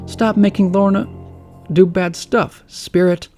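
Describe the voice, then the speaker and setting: A man's voice: high-pitched, steady tone, slow, bright, forceful tone, soft background music, voice pushed up, heavily acted. A man voicing a possessed ghoulish girl spirit in a storybook reading, with a hissing, layered, whispery voice. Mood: angry.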